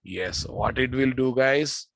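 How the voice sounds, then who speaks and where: A man's voice: medium pitch, takes it slowly, dry recording, clean studio sound. A man with a Telugu Indian accent giving an informal technical lecture as an instructor, repeating phrases and often quizzing his listeners. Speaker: programming instructor teaching a live class.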